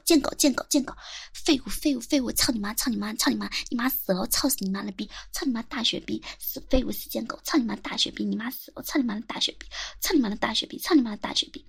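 A woman's voice: on the high side, gravelly, breathy edge. A woman in whispered role-play, giving domineering, insulting commands close to the mic and counting out a rhythm. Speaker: ASMR performer. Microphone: close mic at the ear.

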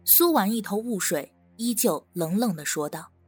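A woman narrating an audio drama with expressive storytelling, over faint music. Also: medium pitch, normal speed, breathy edge.

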